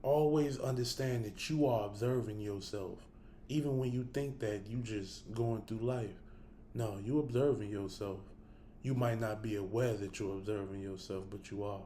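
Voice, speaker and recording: A man's voice: fairly low pitch, normal speed, warm tone, a little hiss or hum. A man talking casually and bluntly to his listeners, cursing freely and thinking aloud, with the hiccups. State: has the hiccups. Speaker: host. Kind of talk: casual spoken reflection to camera.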